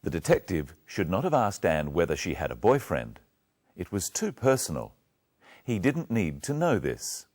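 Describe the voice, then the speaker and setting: A male English teacher giving a patient lesson, speaking clearly and drilling words one at a time. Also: sits low, wildly swooping pitch, normal speed, a little mellow. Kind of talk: slow, clear lesson narration.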